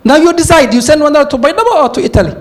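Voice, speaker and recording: A man's voice: very high-pitched, expressive, rapid-fire. A man from Somalia with a Somali accent, giving an emphatic forum talk as a university lecturer and switching between English and Somali. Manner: emphatic lecturing, with asides and chuckles.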